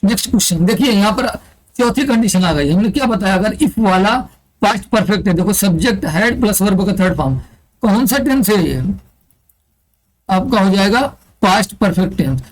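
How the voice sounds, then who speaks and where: On a rough recording, a man with an expressive, high voice teaches English grammar online for exam preparation at normal speed. He asks his students questions and answers them aloud himself, going step by step and repeating important terms.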